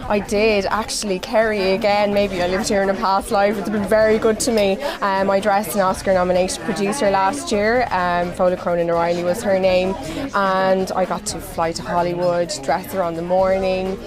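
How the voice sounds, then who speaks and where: A woman's voice: medium pitch, little pitch movement, moderate pace, hardly any pauses. An Irish woman fashion designer giving interview answers about her work. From Ireland. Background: music.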